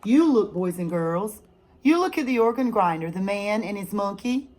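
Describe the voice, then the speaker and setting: A woman teacher reads a picture book aloud to children, expressive and deliberate, stopping to ask her young listeners questions. Her voice is medium-pitched and darkish, with lively intonation.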